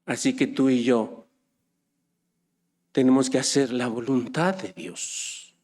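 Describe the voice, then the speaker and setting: A man preaching a sermon, swinging from soft low asides to loud, urgent exhortation. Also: takes it slowly.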